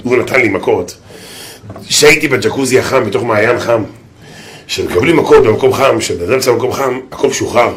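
A man preaching to a group. He tells a funny story, breaks into loud shouts and sound effects, and puts questions to his listeners. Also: medium pitch, noisy background. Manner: speaks to a group, asking them questions. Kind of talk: humorous storytelling sermon.

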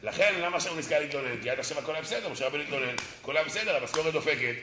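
A man giving a Torah sermon, animated, acting out dialogue and mimicking people. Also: on the high side. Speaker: rabbi. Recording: echoey room, faint noise.

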